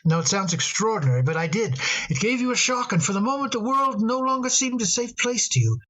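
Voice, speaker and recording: A man acting in an old radio drama as a tender father talking fondly to his daughter, gentle and a little halting. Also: high voice, big pitch swings, heavily acted, rough recording.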